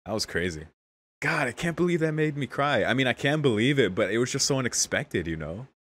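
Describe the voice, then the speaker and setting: A man's voice: medium pitch, big pitch swings, brisk, fairly bright tone, no room sound. A young man hosting a casual anime reaction, exclaiming candidly, often laughing and swearing. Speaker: anime reaction channel host.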